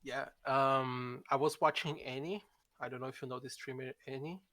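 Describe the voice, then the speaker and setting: A man's voice: mid-range voice, fairly even intonation, moderate pace, pushed and bright. Hesitant Brazilian man in his twenties. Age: 20s. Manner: hesitant, many ums. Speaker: guest streamer. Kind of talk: casual interview answers.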